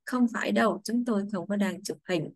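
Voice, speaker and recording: A woman's voice: mid-range voice, a little hiss or hum. Woman teaching children. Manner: patient, repeats English phrases slowly, then translates. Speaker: English teacher. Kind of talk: explaining grammar to children.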